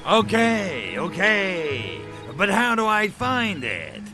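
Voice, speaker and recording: An actor playing a sarcastic, brash alien invader in a video game. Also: male voice, high-pitched, huge pitch swings, takes it slowly, music in the background, heavily acted. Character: cocky wisecracking male alien invader, sarcastic and trigger-happy. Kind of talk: video game character acting.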